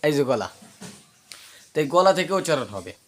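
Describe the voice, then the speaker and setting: Man teaching letter sounds, halting slightly. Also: on the high side, very animated. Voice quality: slight speech hesitancy, words catch. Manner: repeats letters aloud and checks understanding often. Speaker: teacher of Arabic letter pronunciation. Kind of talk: spoken lesson drilling letter sounds.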